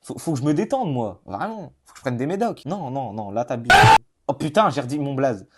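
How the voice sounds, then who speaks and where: Excitable man yelling over a game. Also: mid-range voice, a little fast, noisy background. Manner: excitable, rambling, bursts into yells. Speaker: gaming YouTuber. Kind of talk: casual let's-play commentary.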